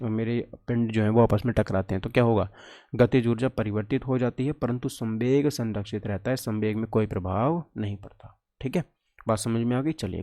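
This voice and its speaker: In a warm voice of medium pitch, a physics teacher and exam coach leads a conversational lesson. He frequently asks questions and supplies the answers himself.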